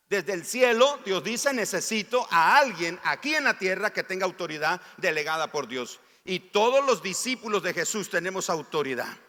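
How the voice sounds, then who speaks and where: A man with a Nicaraguan Spanish accent preaching a sermon as pastor, fervent and rising to near shouts on key phrases, recorded in a church sanctuary. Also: high voice, long reverb tail.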